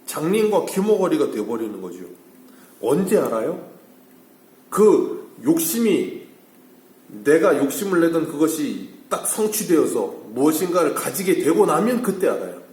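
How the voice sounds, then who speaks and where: A man's voice: on the high side, big pitch swings, a little slow, a little mellow, roomy sound. A man preaching at an early-morning church service. He asks the congregation questions and then answers them himself. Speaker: pastor. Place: church sanctuary.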